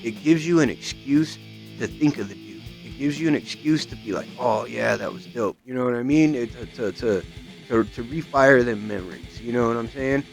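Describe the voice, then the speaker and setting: A guitar vlogger goes on a casual, profane, rambling rant, often ending sentences with "you know what I mean." His voice is medium-pitched and brisk.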